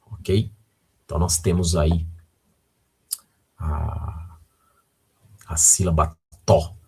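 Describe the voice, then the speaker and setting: A male teacher with a Brazilian Portuguese accent gives a recorded video lesson in a low, husky voice. He talks slowly and patiently, often stopping to check in with the viewer.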